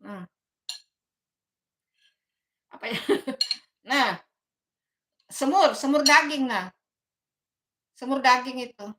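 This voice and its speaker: Bright-voiced woman in her fifties. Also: high voice, takes it slowly, pauses often. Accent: Indonesian, from Makassar. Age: 50s. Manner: chatty and motherly, refers to herself as Bunda, laughs often. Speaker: livestream host. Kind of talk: casual livestream chat, reading viewer comments. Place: bedroom at home.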